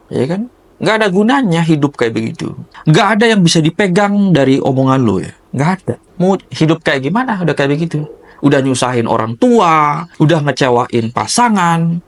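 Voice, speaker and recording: A man giving a blunt motivational rant, scolding and crude as he confronts the listener. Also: on the high side. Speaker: motivational speaker.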